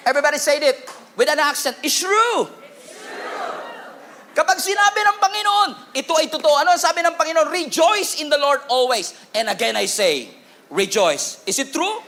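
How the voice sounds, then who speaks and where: A Filipino man preaching to a congregation with a strikingly high voice. He delivers the sermon with humor and animation and keeps calling for responses. Faint ambient noise hangs behind him in the church. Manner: animated, humorous preaching with Taglish code-switching. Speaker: pastor.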